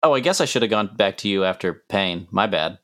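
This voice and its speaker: A man with a lowish voice works as game master. He narrates the tabletop action casually, in plain conversational phrases. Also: expressive, a little fast, fairly bright tone.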